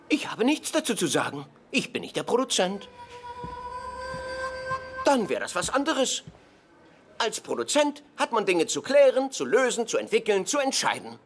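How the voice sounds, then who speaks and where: A self-pitying TV producer. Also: male voice, sits high, huge pitch swings, normal speed, long pauses, fairly bright tone, soft background music, full character voice. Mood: frustrated. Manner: whiny, agitated. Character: frustrated TV show host, self-pitying. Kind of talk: dubbed telenovela.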